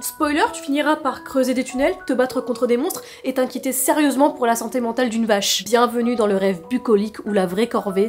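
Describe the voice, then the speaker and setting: A woman's voice: fairly high pitch, darkish tone. A woman talking to camera in a casual vlog, playful and sarcastic, with jokey asides. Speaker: YouTuber. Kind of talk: casual vlog monologue with sponsor read.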